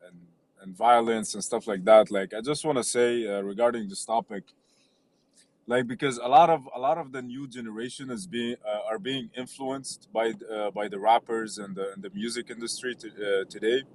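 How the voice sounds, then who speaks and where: A man's voice: mid-range voice, steady tone, normal speed. A man from Lebanon calling into a stream, talking hesitantly with many fillers and restarts. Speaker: caller. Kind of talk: casual call-in chat.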